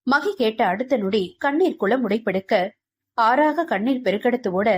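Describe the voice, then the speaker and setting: A woman narrating a romance audio novel in an even storytelling manner. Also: fairly high pitch, moderate pace, husky. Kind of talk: scripted narration.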